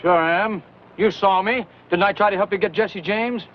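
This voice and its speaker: An American actor playing a sly, folksy outlaw who claims to be going straight, in an old western film. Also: male voice, sits high, moderate pace, a little hiss or hum, lightly acted. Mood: insistent. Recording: dull lo-fi old film soundtrack.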